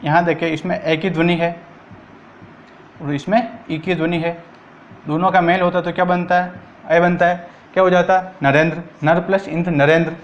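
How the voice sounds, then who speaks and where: A man's voice: sits high, little pitch movement, moderate pace, lo-fi sound, a little hiss or hum. A man teaching a grammar lesson for exam prep, asking and answering his own questions.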